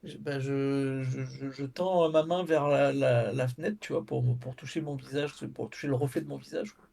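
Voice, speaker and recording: A man's voice: mid-range voice, steady tone, moderate pace, creaky, dark tone. A man playing in a tabletop role-playing game, describing his character's actions hesitantly and repeating words. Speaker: player.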